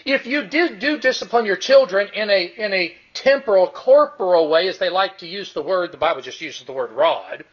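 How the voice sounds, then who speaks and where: A high-pitched man preaches with a husky grain in his voice. He is emphatic and repeats his key lines, slowing down to drive each point home. The recording sounds dull and lo-fi. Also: lively intonation. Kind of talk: sermon.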